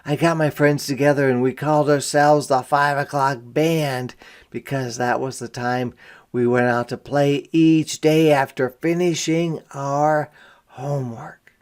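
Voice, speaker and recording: A man reading a picture book aloud to young children as a teacher, with expressive, deliberate delivery and simple explanations. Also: mid-range voice, clean tone. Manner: dramatic, deliberate delivery with emphasized character lines.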